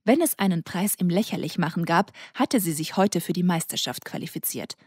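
A woman reading an audiobook in a soft, intimate narration that sometimes falls to a near whisper. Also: on the low side, expressive, brisk, slightly rough, no echo, clean studio sound. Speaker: audiobook reader. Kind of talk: scripted narration.

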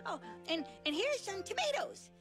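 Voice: very high-pitched, big pitch swings, normal speed, over loud music. An actor voicing a cheerful baby boy elephant in a preschool cartoon, sweet and eager as he explains things. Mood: explaining.

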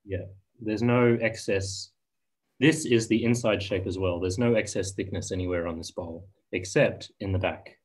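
A man explains his carving on a video call, speaking softly and hesitantly, often pausing and restarting his sentences. His voice sits fairly low and has a husky, breathy edge. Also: low-quality recording. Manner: soft-spoken, hesitant with many ums and restarts. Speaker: spoon carver giving a demo. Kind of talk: casual video-call discussion.

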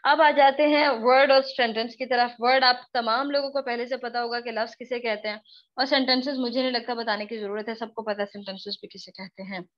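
Hoarse high-voiced woman teaching a class. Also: fairly even intonation, lo-fi sound. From Pakistan. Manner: questions students often, repeats herself, slow drawn-out example words. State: hoarse, worn-out voice. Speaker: spoken English teacher. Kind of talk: live online class lecture.

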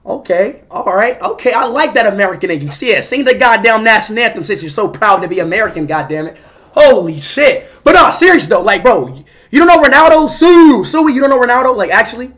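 Young man yelling excitedly on a headset. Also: high voice, brisk. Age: young adult. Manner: excitable, shouts and yelps, swears often. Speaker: streamer. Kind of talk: loud casual chat on a live video call. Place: small room indoors at a desk. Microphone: headset mic.

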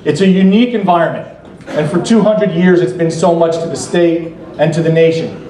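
A middle-aged American man introduces the keynote at a political gala, standing at a podium on a banquet hall stage. His formal speech is measured and earnest with the odd light joke, in a mellow voice on the high side. The podium mic is filmed from across the room, so the hall sounds echoey and far off.

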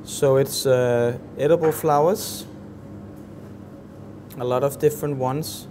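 Slow, halting chef at a kitchen counter. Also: male voice, medium pitch, fairly even intonation, noisy background. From Denmark. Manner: slow, halting, many fillers. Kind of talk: cooking demonstration. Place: large professional kitchen.

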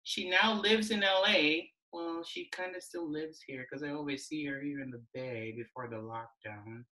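A woman's voice: deep voice, normal speed, sharp tone, distant mic, low-quality recording. A woman with a Filipino accent hosting a livestreamed pride stage show, chatty and playful with joking asides. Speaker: event host.

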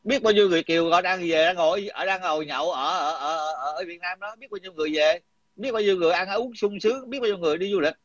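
A middle-aged man with a high, fairly bright voice talks fast in heated casual conversation, coarse and combative, repeating himself. There is no room sound, and the recording is dull, lo-fi and dry.

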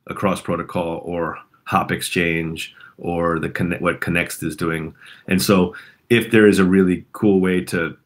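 A man with a sore throat hosting a casual community call, rambling with fillers and restarts. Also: low-pitched.

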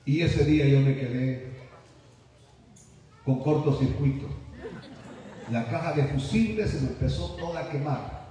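A pastor, preaching a sermon and acting out stories with lively dialogue. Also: male voice, measured pace, pauses often. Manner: animated storytelling, acting out dialogue with big swings in pitch. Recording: echoey church hall, mic at a distance.

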